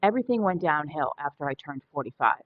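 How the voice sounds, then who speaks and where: A woman's voice: low voice, expressive, quick pace, narrow, tinny audio. A woman in her forties talking candidly in a casual personal vlog, chatty and prone to restarting her sentences. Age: 40s. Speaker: vlogger.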